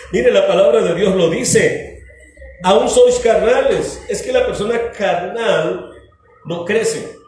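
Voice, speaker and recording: A man's voice: high-pitched, very slow, long pauses, darkish tone, slight background noise. A man preaching a sermon, asking the congregation questions and acting out everyday scenes. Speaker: pastor. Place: church hall. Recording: echoey church hall from far off with music.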